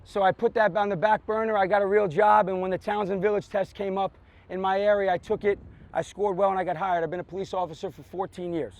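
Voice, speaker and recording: High-pitched man giving an emphatic pep speech. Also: little pitch movement, quick pace. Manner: earnest, emphatic, repeats phrases for effect, tags with "right?" and "okay?". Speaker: police officer and motivational speaker. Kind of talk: motivational pre-game pep speech to a group. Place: outdoors on a sports field.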